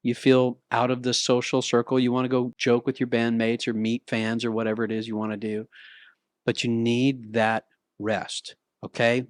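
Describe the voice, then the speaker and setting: A middle-aged male vocal coach talks straight to the viewer in a relaxed, chatty way, dropping in quick sung vocal warm-ups. His voice sits at an ordinary male pitch and is recorded close and dry, with no room around it. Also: no echo. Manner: casual, conversational, with sung demonstrations. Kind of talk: talking-to-camera singing lesson. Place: Nashville.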